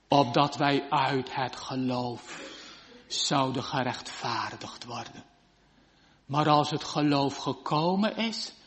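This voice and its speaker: A man delivers a fervent sermon in old-style biblical phrasing, pleading with his congregation. He speaks slowly in a mid-pitched voice. His words ring out with the long reverb of a church. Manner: slow, fervent old-style preaching with archaic scripture. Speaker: pastor.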